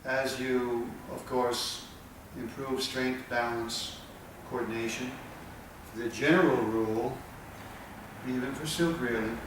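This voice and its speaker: Far from the mic in a strongly echoing room, a medium-pitched man instructs tai chi while demonstrating. His explanations are plain and unhurried, chopped into brief pieces with pauses, and a constant hiss runs under his voice.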